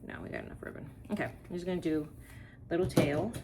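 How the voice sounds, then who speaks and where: A woman from Texas, her voice sitting low and steady, speaks at a quick pace in a very noisy recording. Leading a wreath-making tutorial, she chats casually while working, thinking out loud and drifting into rambling asides.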